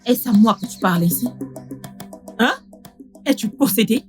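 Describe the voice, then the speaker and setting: A woman's voice: fairly high pitch, expressive, moderate pace, faint music behind, natural voice. A woman playing a harsh scolding village mother. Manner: scolding, loud, indignant. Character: scheming harsh village mother, hot-tempered. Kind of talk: dubbed film acting.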